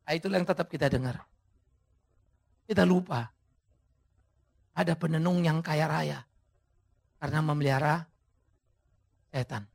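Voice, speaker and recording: A male pastor preaching a sermon with dramatic, sudden shouted emphases, speaking straight to his congregation. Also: high voice, vocal fry, slightly rough. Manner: addresses the congregation directly.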